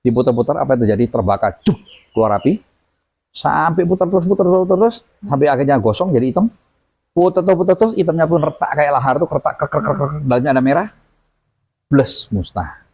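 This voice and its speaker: A man telling a story as a guest in a lively way, acting out the voices of the people in it. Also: fairly high pitch, fast, breathy edge. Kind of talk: animated storytelling. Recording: dull lo-fi audio.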